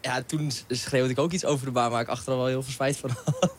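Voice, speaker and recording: A man's voice: medium pitch, fast talker, slight background noise. A man speaking frankly and plainly in a casual conversation. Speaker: tennis club friend.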